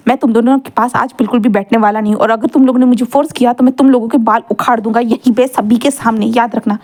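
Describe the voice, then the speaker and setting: A woman's voice: on the high side, steady tone, fast, darkish tone, lightly acted. A woman voicing a grumpy, exasperated young male college student in a fan-fiction story. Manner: exasperated complaining.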